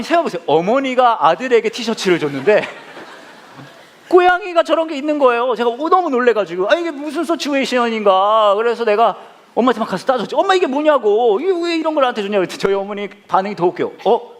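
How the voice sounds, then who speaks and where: Lively, fast-talking man preaching. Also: high voice. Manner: animated, self-mocking, acts out quoted dialogue. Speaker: pastor. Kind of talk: humorous sermon storytelling. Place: church.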